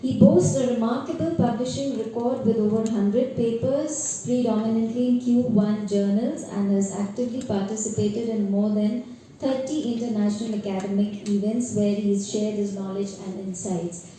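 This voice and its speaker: A woman acting as conference host reads formal, scripted speaker introductions. Her tone is very dark and mellow. She is captured from a distance in a strongly echoing hall. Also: fairly high pitch, steady tone, normal speed. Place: large echoey conference hall. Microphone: distant from the microphone. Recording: echoey hall from far off, faint noise.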